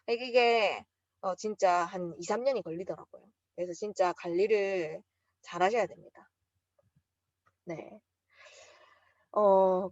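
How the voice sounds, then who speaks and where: A woman's voice: medium pitch, dry recording, highs cut off. A woman with a Busan accent giving a motivational seminar talk, telling stories from her own experience. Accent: Busan Gyeongsang. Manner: lively storytelling, acts out quotes with bursts of emotion.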